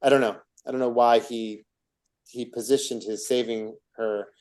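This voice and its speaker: Male teacher, middle pitch, loose rambling storytelling with restarts and asides. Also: steady tone, normal speed, darkish tone. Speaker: teacher of a class on rabbinic stories. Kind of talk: informal classroom storytelling.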